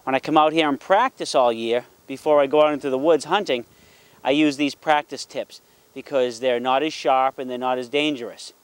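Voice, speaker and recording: A middle-aged dad hosts a hunting and fishing show, explaining things casually to his family and the camera in a folksy, encouraging barbecue-dad way. His voice is medium-pitched at a normal speed, clear and resonant, with no echo.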